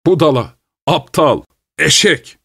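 A man's voice: medium pitch, expressive, fairly quick, no room sound, clean studio sound, lightly acted. A man voicing an angry male customer who hurls insults at a shoemaker, in a storybook reading. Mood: furious. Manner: yelling insults. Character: furious male customer, a fireworks maker.

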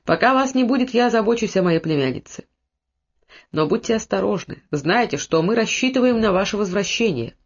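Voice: medium pitch, animated, brisk. A reader voicing a loyal, earnest old servant who reassures his niece, on a dull lo-fi recording. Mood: reassuring. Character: loyal old Breton servant, steady and caring.

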